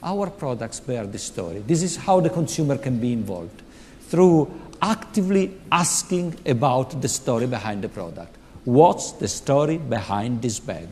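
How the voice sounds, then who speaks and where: A man explains at a middle pitch with confident, measured points and rhetorical questions. The long reverb of a large hall trails after his words. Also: sing-song, darkish tone, a little hiss or hum. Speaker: panel guest, head of a fashion initiative. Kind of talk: conference panel answer. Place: conference hall.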